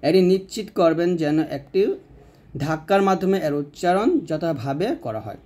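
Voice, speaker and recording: A man teaching Quran reading, spelling out letters and vowel marks syllable by syllable, slow and repetitive, and dropping lower and quieter at the ends of sentences.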